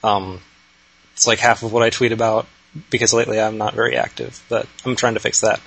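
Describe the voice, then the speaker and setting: A man's voice: on the low side, level tone, fairly quick, creaky, fairly bright tone, husky. A man co-hosting a casual podcast, laughing often and stumbling through restarts as he reads out contact details. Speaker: podcast co-host.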